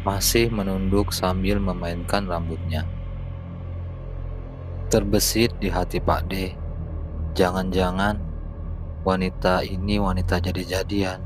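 Man, very low voice, monotone, slow horror narration, faint music behind. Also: poor audio. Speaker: horror storyteller.

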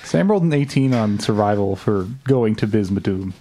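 A man's voice: fairly low pitch, lively intonation, normal speed, dark tone. A man talking casually as a player in a tabletop role-playing game.

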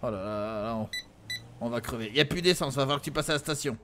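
A man streaming and role-playing a character in a driving game, excitable and panicky, swearing as he talks. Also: mid-range voice, fast, heavy background noise.

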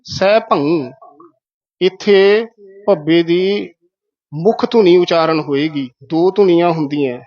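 A man's voice: fairly high pitch, unhurried, muffled recording. Methodical man teaching correct recitation. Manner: methodical, repeats words syllable by syllable. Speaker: Gurbani pronunciation teacher. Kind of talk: explaining correct recitation of scripture.

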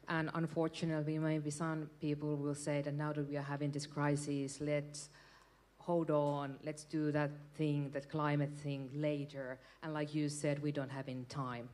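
Low-voiced woman panelist from Finland. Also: darkish tone. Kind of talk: panel discussion answer. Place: stage in a large hall. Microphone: handheld mic.

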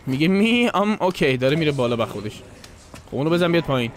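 A man's voice: fairly high pitch, very animated. A young man hosting a gaming channel, giving casual commentary over gameplay in a playful, teasing, joking way.

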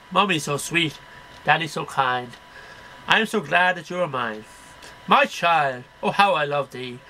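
A middle-aged amateur poetry reader declaims poems line by line in a sing-song way from a small, cluttered bedroom. His fairly high, bright, forceful voice is caught by a webcam about arm's length away, giving poor audio with a slight hiss or hum.

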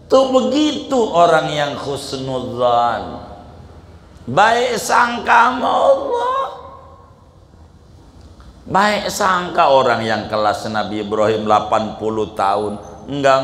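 Betawi-accented preacher in an echoey hall. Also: male voice, medium pitch. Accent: Betawi Jakarta. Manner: colloquial and humorous, swinging from loud outbursts to hushed asides. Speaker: Islamic preacher. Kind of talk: sermon. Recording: echoey hall recording from a distance.

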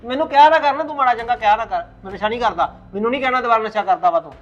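A man's voice: very high voice, very fast, fairly bright tone. A man playing a young son who sulkily denies taking drugs, in a family drama. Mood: defensive. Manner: sulky, defensive. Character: defensive young Punjabi man denying drug use. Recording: dull lo-fi sound.

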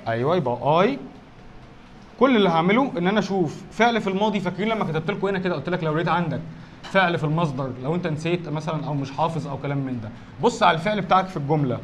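A man with an Egyptian Arabic accent runs an exam review like a quick drill, firing questions at his students and answering them himself. His voice sits high and the words tumble out fast. A faint hum lingers under him. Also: lively intonation. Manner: quizzes himself aloud, keeps checking with "alright?". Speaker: English teacher.

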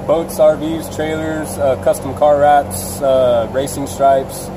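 A man in his thirties, a vinyl wrap installer, explaining his work in a relaxed, plain way in a large RV service shop. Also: on the high side, takes it slowly. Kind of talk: casual interview answers. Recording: noisy shop background.

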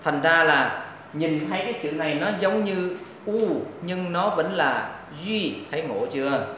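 A man's voice: a little high, animated, a little slow, pushed and bright. A male Vietnamese-accented language teacher leading a pronunciation lesson, patiently drawing out model syllables for students to repeat. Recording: very echoey room, faint noise.

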